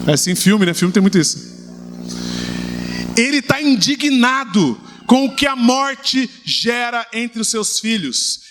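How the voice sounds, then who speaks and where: A middle-aged man preaching a sermon in a lively, humorous way, acting out little scenes. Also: very high voice, slight background noise. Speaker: pastor.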